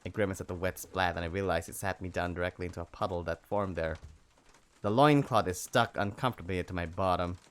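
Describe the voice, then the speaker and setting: A man's voice: deep voice, fairly quick. A man playing through a visual novel and reading its lines aloud in a playful, jokey manner. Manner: playful, jokey, breaks into loud yells. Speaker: let's play gamer.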